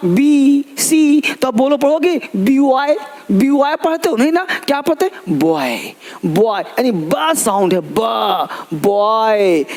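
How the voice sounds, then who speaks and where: A man teaches English phonics in a video lesson, his voice pitched unusually high. He drills each letter sound aloud and speaks straight to his viewers. His delivery is emphatic and repetitive. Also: a little mellow.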